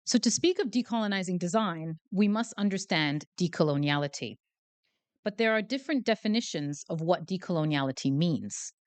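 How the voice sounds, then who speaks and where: Before a live audience in a lecture hall, a Canadian woman gives a guest academic lecture on a handheld mic. Her lowish voice has lively intonation and a moderate pace, and she comes across as chatty and self-deprecating, with many fillers.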